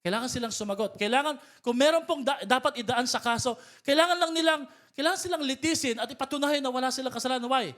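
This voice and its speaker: Filipino-accented pastor, man, high-pitched, bilingual preaching, emphatic. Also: quick pace, fairly bright tone. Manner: mixes Tagalog and English, rising to emphatic calls. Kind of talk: sermon. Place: church hall.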